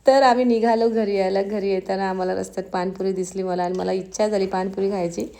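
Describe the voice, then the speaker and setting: A woman from Maharashtra narrating a casual vlog in a hoarse voice that is giving out, chatting straight to her viewers. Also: medium pitch, fairly even intonation, fast, dark tone. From Maharashtra, India. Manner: chatty, addresses viewers directly. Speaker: vlogger.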